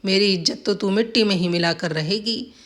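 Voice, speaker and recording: A woman's voice: mid-range voice, normal speed, natural voice. A woman voicing a scheming, bossy old village husband who scolds and commands. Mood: scolding.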